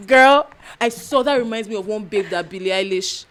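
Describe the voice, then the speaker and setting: A young woman from Nigeria with a Nigerian accent, co-hosting a casual chat podcast, animated and laughing, slipping into pidgin. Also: medium pitch, normal speed, a little hiss or hum. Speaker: podcast co-host.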